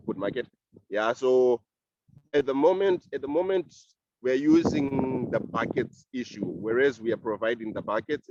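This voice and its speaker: A man's voice: medium pitch, a little mellow, no echo. Man talking over a phone call. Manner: halting, repeats words and restarts. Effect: heard over a phone call. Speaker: community compost project organizer. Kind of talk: casual panel contribution. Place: outdoors. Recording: dull, dry phone audio.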